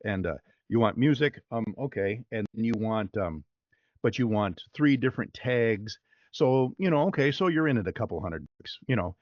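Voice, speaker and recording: A male voice-over artist, talking casually as an interview guest, in a relaxed and chatty way with fillers. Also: medium pitch, moderate pace, no echo, dull audio.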